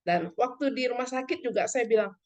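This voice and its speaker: A woman's voice: fairly high pitch, fairly quick. An older woman from Indonesia gives an earnest church testimony over a video call, telling her story and acting out the dialogue. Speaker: testimony speaker.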